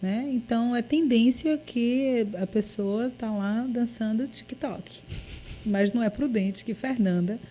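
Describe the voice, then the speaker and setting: A woman with a Brazilian Portuguese accent, a journalist guest on a podcast, chatting in a playful, joking and expressive way. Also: on the high side, a little slow. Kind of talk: casual podcast chat.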